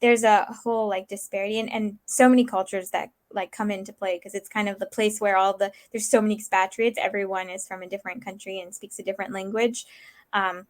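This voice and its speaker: A woman's voice: mid-range voice, little pitch movement, fairly quick. Earnest young woman thinking aloud. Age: 20s. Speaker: interview guest. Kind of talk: casual interview.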